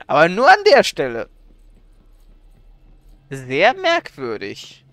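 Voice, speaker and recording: A male streamer comments casually on his game with wry playfulness. His voice is fairly high, bright and very clear. He is recorded close and dry. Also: wildly swooping pitch, takes it slowly, no room sound.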